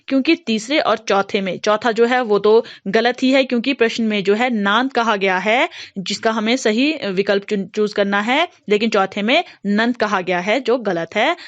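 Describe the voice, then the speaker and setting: A woman teaching a grammar lesson, explaining things slowly with frequent fillers. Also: medium pitch, lo-fi sound.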